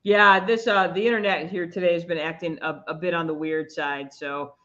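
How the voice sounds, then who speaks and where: A woman's voice: fairly low pitch, steady tone, normal speed, bright, forceful tone. A woman hosting a casual interview over a video call, her voice coming through a degraded, glitchy internet stream as she asks follow-up questions. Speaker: host interviewing a gardener. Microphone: remote video call. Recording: muffled lo-fi video-call audio.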